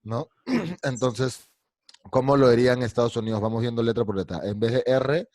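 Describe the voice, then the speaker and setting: This is a man leading an online pronunciation class over a video call, encouraging and repetitive as he drills his students. His voice sits at an ordinary middle pitch, and the sound is dry and close with no room around it. He often slows to a crawl to stretch out the sounds he is modelling. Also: a little mellow, no room sound. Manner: drills words slowly with exaggerated sounds; patient, encouraging, repeats words often. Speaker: English pronunciation teacher.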